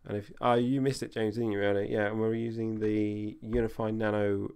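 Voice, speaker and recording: Brief: man, low gravelly voice, laid-back live-stream build tutorial, chatty with viewers. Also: flat delivery, moderate pace, darkish tone. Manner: chatty, answers viewer questions as he works.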